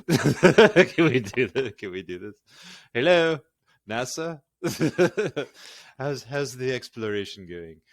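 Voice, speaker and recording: A tired man with a mid-range voice, recorded dry, casually rambles through a product demo as a video host. He talks to himself while working and cracks goofy, self-deprecating jokes.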